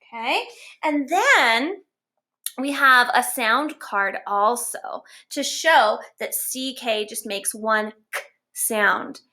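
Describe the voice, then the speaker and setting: A woman's voice: fairly high pitch, slow pace, sharp tone. A woman teacher giving a phonics lesson to young children, sounding out letters one by one and praising them as they go.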